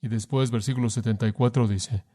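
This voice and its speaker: Middle-aged male preacher, mid-pitched, earnest and emphatic, talks directly to the congregation. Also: fairly even intonation, brisk, mellow. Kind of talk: sermon.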